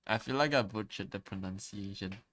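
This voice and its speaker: Brisk and a little bright, a young man's lowish voice carries his rambling stream chat as he draws, over a slight hiss or hum. He speaks Malaysian-accented English as a native Chinese speaker, filling it with fillers and restarts.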